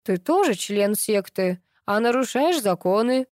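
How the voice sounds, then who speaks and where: A woman reading an audiobook, voicing a grumpy, sharp-tongued female housekeeper with a creaky, blunt, scolding manner. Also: medium pitch, moderate pace, no room sound, clean studio sound, close to an everyday voice. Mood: reproachful.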